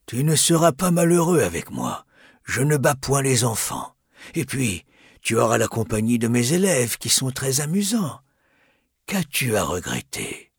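Vitalis, a man doing a gravelly old showman. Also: medium pitch, sing-song, no echo, studio quality, exaggerated voice. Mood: coaxing firm. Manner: measured, coaxing then firm. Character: calm, firm old male street showman. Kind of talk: audiobook character voice.

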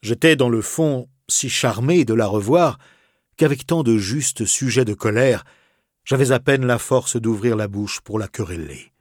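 Man, audiobook narrator, literary reading, expressive, dry close sound. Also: mid-range voice, unhurried, no room sound. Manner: expressive, soft and dramatic.

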